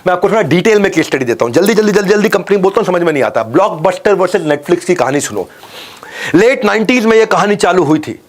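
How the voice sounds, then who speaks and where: A man's voice: high voice, lively intonation, fast. Emphatic man lecturing on business. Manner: emphatic, keeps urging listeners to listen; repeats punchy slogans. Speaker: business speaker.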